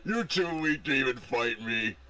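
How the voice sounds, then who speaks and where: A man's voice: mid-range voice, lively intonation, moderate pace, sharp tone, no echo. Guy doing a smug taunting villain, far off. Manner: smug, mocking, teasing. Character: taunting, cocky male villain who mocks his rival. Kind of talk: amateur voice acting on a livestream.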